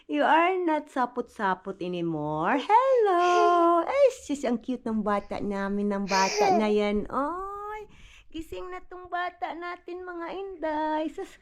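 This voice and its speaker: Chatty high-voiced vlogger mom. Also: female voice, lively intonation, slow pace. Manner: chatty, keeps addressing viewers as "day" and "inday". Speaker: vlogger mother. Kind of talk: casual home vlog chat. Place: at home indoors.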